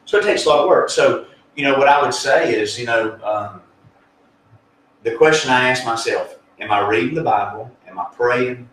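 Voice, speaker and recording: A male pastor of middle pitch talks through his teaching in an earnest, down-to-earth way, pausing on fillers and restarting sentences. He sits well back from the mic in a very echoey room, with a faint hum of ambience underneath. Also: fairly bright tone, far from the mic. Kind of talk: conversational spiritual teaching.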